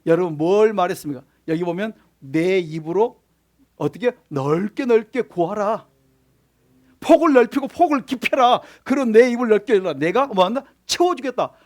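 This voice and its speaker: Man, pastor, church sermon, high voice, call-and-response questions. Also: expressive, moderate pace. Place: church sanctuary.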